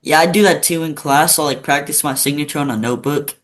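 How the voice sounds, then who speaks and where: A man's voice: fairly high pitch, fast talker, fairly bright tone. A male interview host asking short, plain questions in a casual way.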